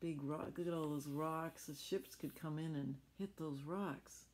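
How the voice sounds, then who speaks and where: A middle-aged woman reads a picture book aloud to children at a measured pace, her low voice carrying a darkish tone. There's slight background noise in the small furnished room at home, and she adds chatty explanations and little questions.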